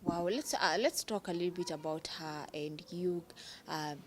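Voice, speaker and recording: A woman's voice: fairly low pitch, moderate pace, a little hiss or hum. A woman interviewing a guest, asking questions hesitantly with many fillers.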